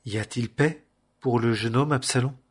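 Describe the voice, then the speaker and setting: A man reading as a grieving old king, husky voice. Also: medium pitch, moderate pace, lightly acted. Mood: regal. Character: grieving aged male king. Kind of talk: scripture reading aloud.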